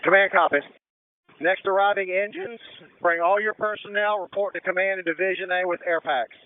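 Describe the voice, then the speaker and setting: A man working as fire incident commander, giving brisk, procedural orders over a two-way radio. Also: high voice, steady tone, dry recording. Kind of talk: emergency radio dispatch commands. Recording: narrow-band fire radio transmission.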